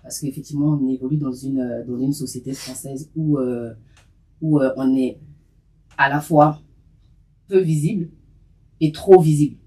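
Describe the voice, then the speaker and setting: Give me a man hosting a discussion podcast, mellow and a bit hesitant. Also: medium pitch, normal speed, pauses often. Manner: hesitant, many fillers. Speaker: podcast host.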